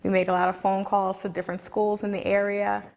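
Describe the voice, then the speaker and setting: A woman's voice: mid-range voice, little pitch movement, brisk, creaky. A woman on a program's staff, speaking matter-of-factly in a documentary interview. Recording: reverberant room. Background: soft guitar music.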